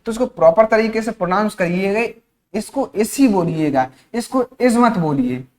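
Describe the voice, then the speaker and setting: A male teacher from India leads a spoken-English class. He drills each word slowly and repeats it, poses questions and answers them himself, and adds short check-ins throughout to keep students with him. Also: high-pitched, animated, darkish tone. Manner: repeats words slowly, asks and answers his own questions; frequent checking-in tag phrases.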